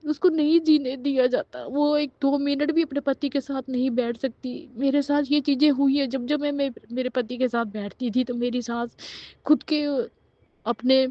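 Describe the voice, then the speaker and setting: Middle-aged woman, higher voice, pleading halting testimony, dry dull lo-fi sound. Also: fairly even intonation, dry recording. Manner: pleading, halting, with frequent restarts. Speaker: devotee sharing a testimony. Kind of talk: emotional spoken testimony and prayer.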